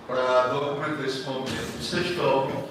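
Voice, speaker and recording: A man's voice: medium pitch, steady tone, normal speed. A man, a teacher moderating a panel, speaking in a friendly, informal way to the audience. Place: lecture hall. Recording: echoey hall, distant mic, crowd noise.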